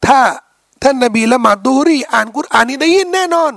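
Lively gravelly-voiced male preacher. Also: very high-pitched, a little fast, no room sound, clean studio sound. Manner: animated, colloquial, rhetorical questions to the audience. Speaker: Islamic preacher. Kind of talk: storytelling religious lecture.

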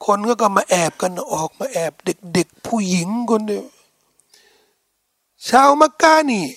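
A man preaching an Islamic lecture, telling the story in a colloquial, animated way and putting rhetorical questions to his listeners. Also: sits high, unhurried, breathy edge, no room sound.

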